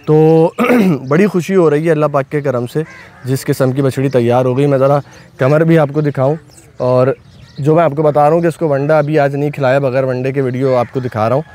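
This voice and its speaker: Speaking from behind the camera in an outdoor farm yard, this young Pakistani cattle farm owner has an Urdu accent and a middle-pitched, slightly mellow, steady voice. He narrates his vlog casually and briskly, full of eager pride, often repeating blessings.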